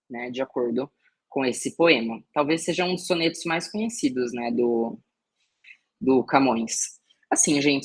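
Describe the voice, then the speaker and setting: Man, Brazilian Portuguese accent, literature teacher, husky tone, explanatory class delivery. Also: on the high side, a bit bright. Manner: explanatory, peppered with "né" and "tá" check-ins. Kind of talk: recorded exam-prep class.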